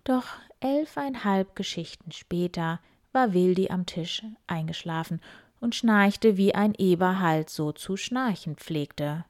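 Expressive woman reading a story. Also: on the low side, takes it slowly. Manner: lively, expressive.

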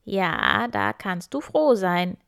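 A woman's voice: lowish voice, wildly swooping pitch, slow, creaky, fairly bright tone, clear, resonant tone, dry recording, full character voice. A woman voicing a small scheming male imp, coaxing and bargaining in a raised voice. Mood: sly. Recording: dry close recording.

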